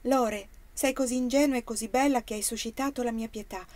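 A kindly merchant speaks in a measured, gentle way, as a woman narrator reads him. It is a calm storybook reading. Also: a little high, no room sound, voice pushed up, lightly acted.

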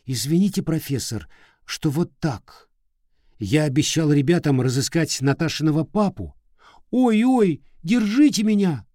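A man voicing an eager, brave young boy in a read-aloud storybook, exclaiming excitedly. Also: on the high side, normal speed, no echo, studio quality, pitched above the performer's own voice, close to an everyday voice. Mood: apologetic.

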